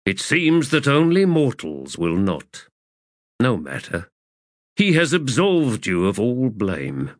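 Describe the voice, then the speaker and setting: A man voicing an ancient, solemn male sea god who speaks in a grave, measured, consoling manner. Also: medium pitch, huge pitch swings, dry recording, studio quality.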